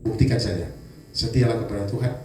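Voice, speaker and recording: A male pastor preaching a sermon in a lively way, throwing out rhetorical questions to the congregation. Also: on the low side, fast, slight background noise. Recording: echoey church hall from far off.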